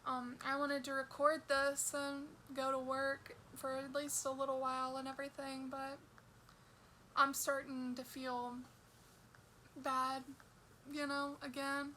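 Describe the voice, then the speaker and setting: A woman vlogger speaking personally and confessionally in a halting, downcast way. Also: high voice, monotone, bright, forceful tone, slight background noise, rough recording. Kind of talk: personal, confessional vlog talk.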